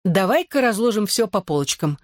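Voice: lively intonation, brisk, no echo, clean studio sound, natural voice. A reader voicing a frantic, overprotective mother who accuses a boy. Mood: suspicious. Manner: shrill and accusing. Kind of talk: audiobook dialogue.

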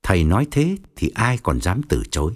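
A male storyteller reading an audiobook with a wry edge. His pitch is mid-range, but his delivery is highly animated and swings widely. He keeps the tale moving with expressive narration. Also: a little fast.

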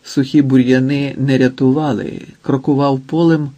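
A man narrating a literary novel as an audiobook reader, in a steady storytelling manner. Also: medium pitch, moderate pace, lo-fi sound.

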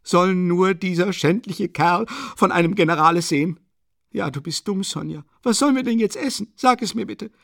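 A breathless, consumptive mother in a spoken audiobook scolds and pleads in a high, shrill rush, as a man reads her part. Her voice carries a gravelly rasp beneath the strain. The recording is close and dry. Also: moderate pace, fairly bright tone, no echo. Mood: frantic, pleading. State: out of breath and coughing. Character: frantic impoverished widowed mother, consumptive woman. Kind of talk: audiobook character voice.

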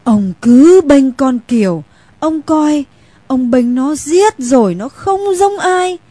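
A woman's voice: sits high, lively intonation, dark tone, dry recording. A woman playing a fretful, whining mother. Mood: plaintive. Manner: slow, whining. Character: fretful middle-aged mother, timid and self-pitying.

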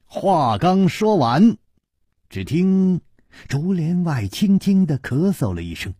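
A man narrating a martial-arts story in a dramatic, expressive storytelling manner. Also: a little high, takes it slowly, breathy edge, no room sound, clean studio sound. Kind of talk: traditional Chinese storytelling narration.

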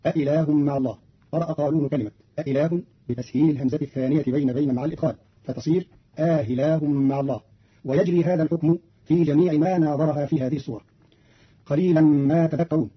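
Male radio presenter, brisk and husky, methodical explanations, muffled vintage recording. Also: medium pitch. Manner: measured, precise explanation with quoted verses. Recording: dull old radio broadcast.

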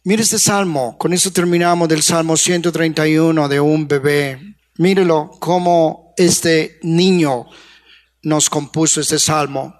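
Pastor guy preaching, higher voice, goes from soft to big loud bursts, keeps asking the crowd stuff. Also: fairly even intonation, a little slow. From Colombia. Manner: passionate, swings from hushed to loud exclamations; coaxes the congregation with questions. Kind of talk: sermon.

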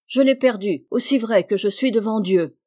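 A woman's voice: medium pitch, moderate pace, darkish tone, lightly acted. Woman doing a sulky, whining soldier orderly. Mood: sullen. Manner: whining, sullen protests of innocence. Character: sulky peasant soldier orderly, male, adult.

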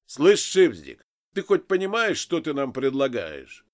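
A man's voice: medium pitch, wildly swooping pitch, a little slow, pitched above the performer's own voice. A man voicing a coarse, mocking male bodyguard who jeers at a prisoner. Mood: menacing. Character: rough male bodyguard thug, menacing and mocking.

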